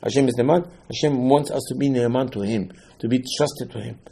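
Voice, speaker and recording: Male Torah teacher, mellow and husky, storytelling delivery with emphatic peaks. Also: mid-range voice, a little fast. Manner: storytelling, acts out dialogues, rising to emphatic bursts. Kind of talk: Torah lesson.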